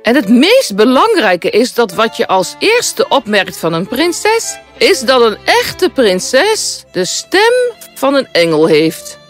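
A woman's voice: a little high, huge pitch swings, slow, faint music behind, full character voice. An actress playing a possessive, haughty queen mother in a storybook tale, stately and disapproving. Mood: instructive, stately. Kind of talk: storybook voice acting.

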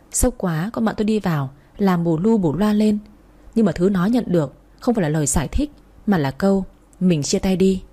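A woman telling a first-person story aloud in a blunt, wry manner. Her voice is warm and mellow with a breathy, slightly husky texture. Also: mid-range voice. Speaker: narrator.

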